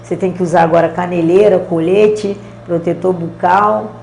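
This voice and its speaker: A woman with a Brazilian Portuguese accent, a karate champion telling stories in a casual interview, acting out the dialogue in slangy, lively speech. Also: on the low side, normal speed, vocal fry, echoey room, a little hiss or hum.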